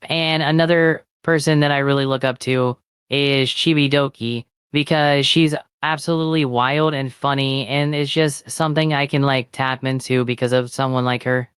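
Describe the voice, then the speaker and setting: Voice-changed streamer, clear and dry. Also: mid-range voice, steady tone, normal speed, a bit bright, no echo. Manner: disguised voice through a voice changer. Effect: voice changer disguising the real voice. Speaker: guest VTuber streamer. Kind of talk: casual chat.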